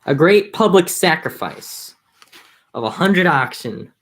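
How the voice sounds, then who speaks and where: A woman's voice: lowish voice, lively intonation, slow. A woman reading an old epic aloud casually, breaking off for chatty, irreverent, self-mocking asides. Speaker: reader.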